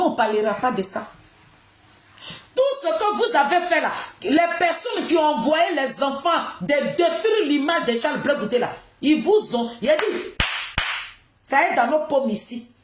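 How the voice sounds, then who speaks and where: In an echoey room, a woman with an Ivorian accent rants about politics in a high voice. Her intonation swings widely as she scolds her audience and hammers phrases by repeating them. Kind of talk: impassioned political monologue addressed to the public. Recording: roomy, echoing sound.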